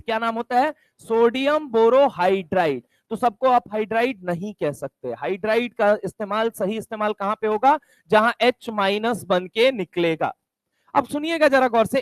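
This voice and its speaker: Extremely high-pitched, this male chemistry teacher lectures a class in a mix, asking things and then answering them and repeating key terms again and again. He calls his listeners "my brother"; the sound is dry and close, with no echo.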